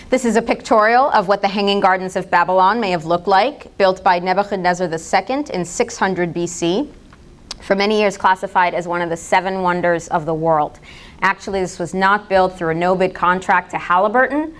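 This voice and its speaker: Lower-voiced American woman lecturing with wry sarcasm. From United States. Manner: dry, sarcastic asides. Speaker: speaker giving a public talk. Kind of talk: public lecture with slides.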